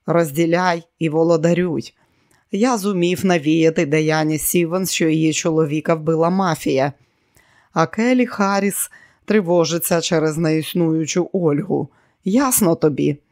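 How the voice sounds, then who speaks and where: A man's voice: on the high side, measured pace, a little mellow, no room sound. Man reading a domineering, boastful villain, raised voice, dry audiobook sound. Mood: smug. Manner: boastful and commanding. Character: arrogant scheming man, quick to rage.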